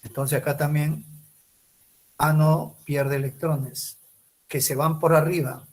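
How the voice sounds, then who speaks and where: A man's voice: a little high, little pitch movement, slow pace, darkish tone, slight background noise. A man teaching a chemistry class, asking questions and answering them himself, repeating key words for emphasis. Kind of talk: recorded class lecture.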